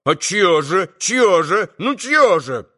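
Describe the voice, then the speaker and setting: A man's voice: high-pitched, big pitch swings, slow pace, sharp tone, pitched above the performer's own voice, full character voice. A man reading an audiobook, voicing an agitated, dim-witted young male shop clerk who keeps repeating himself. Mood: heated.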